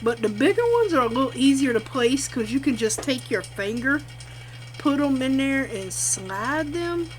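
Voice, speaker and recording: A woman's voice: high-pitched, lively intonation, moderate pace. A woman giving a casual, folksy craft demonstration, chatting to herself as she works, with machine noise behind her. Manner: folksy, informal, talks to herself while working. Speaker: craft tutorial host. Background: running machine, vacuum pump.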